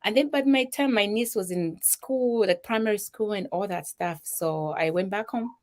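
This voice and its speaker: A middle-aged woman from Zambia with a Zambian accent, a charity founder telling her personal story in an emotional, animated way, acting out what people said. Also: medium pitch, normal speed.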